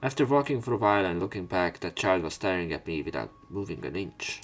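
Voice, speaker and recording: Talking fast in a low, sing-song voice, a let's player works through a visual novel, reading its narration aloud and tossing in informal remarks of his own, with swearing when he reacts.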